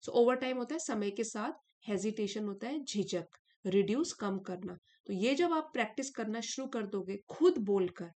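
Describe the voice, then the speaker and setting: A young woman teaching English, reading English phrases slowly and then explaining them in Hindi. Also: mid-range voice, a little mellow.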